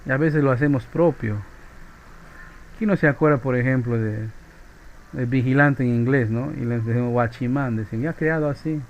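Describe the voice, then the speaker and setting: A man's voice: medium pitch, normal speed, lo-fi sound, slight background noise. Peruvian man lecturing a physics class. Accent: Peruvian Spanish. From Peru. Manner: chatty, ends phrases with a questioning "¿no?". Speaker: physics teacher.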